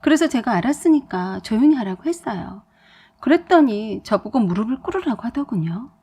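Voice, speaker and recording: Breathy woman narrating a story. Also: on the high side, sing-song, a little fast, dark tone.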